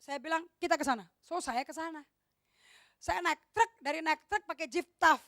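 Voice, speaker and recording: High-voiced, emphatic middle-aged woman pastor. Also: moderate pace, pushed and bright, no echo, studio quality. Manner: emphatic, switches into English phrases. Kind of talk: sermon. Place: church hall.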